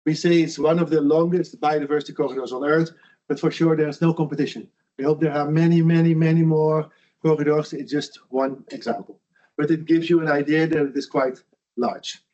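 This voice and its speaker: Speaking fairly quickly in a slightly high, steady voice with a dark coloring, this foundation founder from the Netherlands is middle-aged and delivering a lunch talk. He comes across as earnest and conversational, frequently starting over. The audio sounds muffled and lo-fi.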